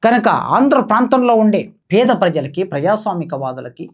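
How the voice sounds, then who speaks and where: A woman's voice: mid-range voice, sing-song, fairly quick, darkish tone, dull audio. A woman giving impassioned spoken commentary, declaiming and piling up rhetorical questions like a political commentator.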